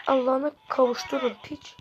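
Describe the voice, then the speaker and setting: A woman commenting live on her gameplay as a gaming channel host, excitable and frustrated, swearing constantly at the game. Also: high voice, normal speed, muffled recording, background noise.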